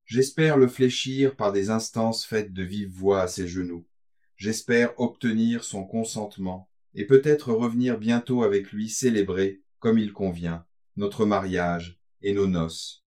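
A man's voice: fairly low pitch, a little slow, darkish tone, lightly acted. A man voicing an earnest young nobleman. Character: young nobleman departing his bride, earnest.

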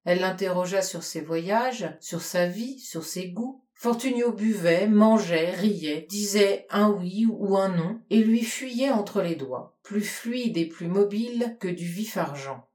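A woman reading a literary audiobook aloud in a measured, expressive way. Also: mid-range voice. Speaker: audiobook reader. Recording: echoey room.

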